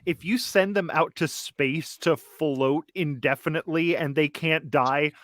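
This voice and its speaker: Slow-talking man chatting on a podcast. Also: fairly high pitch, fairly bright tone, no echo, studio quality. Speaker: podcast co-host. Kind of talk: casual chat reacting to a recap.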